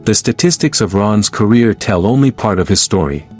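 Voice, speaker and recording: A male narrator with a fairly deep voice reads a scripted documentary tribute. His delivery is measured and solemn, in the manner of a storyteller. Soft music plays faintly behind him. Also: expressive. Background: background music.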